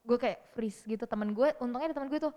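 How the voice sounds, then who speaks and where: Young woman, animated slangy storyteller, slightly high voice, long reverb. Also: quick pace, highs cut off. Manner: lively slangy storytelling, acting out quotes. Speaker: interview guest. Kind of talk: casual storytelling chat.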